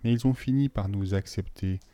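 Man reading as a sinister deputy headmaster, low dark voice, slow soft menace. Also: no echo, lightly acted. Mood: menacing.

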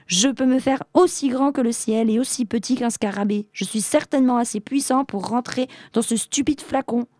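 A woman voicing a huge, boastful, quick-tempered male genie in a storybook reading, blustering and then whiny. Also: on the low side, animated, warm tone, no echo, clean studio sound. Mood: indignant. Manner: blustering, turns whiny when tricked.

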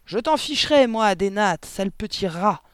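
A man's voice: on the high side, fairly even intonation, brisk, darkish tone, no room sound, studio quality, close to an everyday voice. A man voicing a giant, brutal female headmistress who bellows and barks orders in an audiobook. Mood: bellowing. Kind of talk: audiobook character voice.

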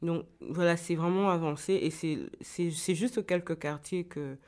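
A woman's voice: on the low side, steady tone, a little slow, a little mellow. Woman, author being interviewed, hesitant, repeats words, restarts often. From Kinshasa. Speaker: novelist and journalist guest. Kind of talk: radio interview answer.

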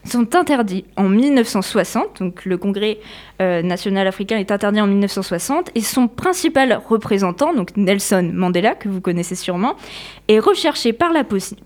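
A woman's voice: medium pitch, animated, fairly quick, darkish tone. A woman presenting a history segment in a casual, explanatory way, with frequent hesitations. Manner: chatty, explanatory, many hesitations.

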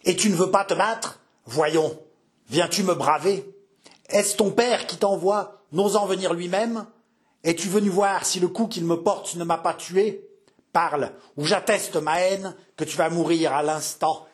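A man's voice: high voice, measured pace, voice pushed up. A man voicing a ruined old captain, roaring threats in a fury. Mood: furious.

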